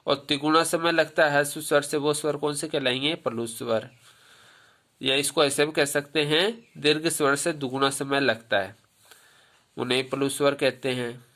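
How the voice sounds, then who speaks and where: Teacher, male, bright forceful delivery; poses questions and answers them, repeats points for pupils. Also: fairly high pitch. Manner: asks a question, then answers it himself; repeats key points; tells pupils to remember. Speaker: Hindi grammar teacher. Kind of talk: classroom lesson with questions to pupils.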